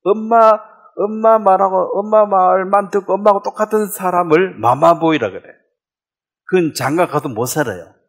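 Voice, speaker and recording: A man's voice: high-pitched, moderate pace. A man preaching a sermon as pastor, acting out voices as he goes. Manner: animated, acts out voices.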